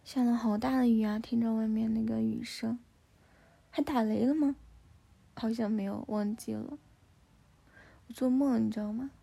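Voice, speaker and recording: A woman's voice: a little high, steady tone, normal speed, vocal fry, long pauses, mellow, breathy edge. A woman, telling family stories in a casual chat and often asking the listener if they follow. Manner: chatty, often asks the listener "you know?".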